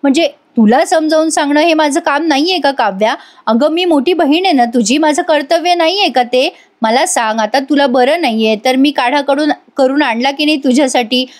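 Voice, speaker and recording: A woman voicing a caring older sister who gently coaxes her younger sibling, in a retold TV serial. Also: high voice, normal speed, hardly any pauses, natural voice. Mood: coaxing. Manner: pleading, coaxing.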